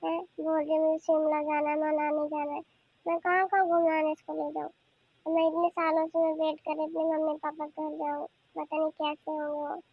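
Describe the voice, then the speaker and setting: A weary cartoon mother complains in a plaintive, high voice, as a woman voices her. The recording is dry and close-miked. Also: completely flat delivery, normal speed, no echo, phone-quality sound. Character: weary mother longing to visit her parents. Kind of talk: cartoon voice acting.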